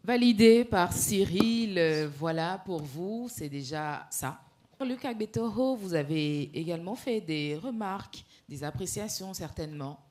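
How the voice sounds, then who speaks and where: A woman's voice: on the low side, animated, measured pace, darkish tone. A woman hosting a speech contest show, handing over to jurors with many hesitant fillers. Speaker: host.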